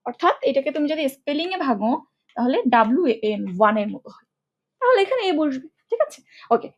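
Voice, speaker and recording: A woman's voice: high-pitched, darkish tone. A woman teaching English grammar in an online lesson, explaining step by step in colloquial speech mixed with English words, often checking whether students follow.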